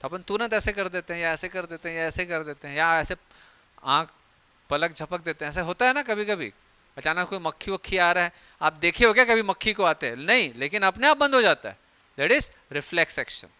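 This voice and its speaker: A man's voice: high-pitched, lively intonation, brisk, sharp tone, clear, resonant tone, no echo. A young man teaching biology in a chatty, joking classroom lecture, acting out everyday scenes.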